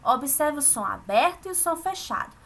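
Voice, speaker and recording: Brazilian woman teaching small kids remotely, patient and encouraging, a bright, slightly high voice. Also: big pitch swings, normal speed. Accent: Brazilian Portuguese. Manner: patient, explaining step by step to children. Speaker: primary school teacher. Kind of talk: remote lesson for children.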